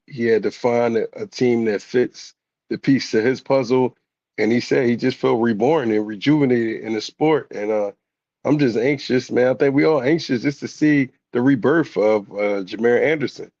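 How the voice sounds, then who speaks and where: A man's voice: medium pitch, darkish tone, dry recording. Guy talking fights over a choppy glitchy call, dull lo-fi sound, dry. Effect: choppy, breaking-up online call audio. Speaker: boxing show co-host. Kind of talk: casual chat. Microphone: video call.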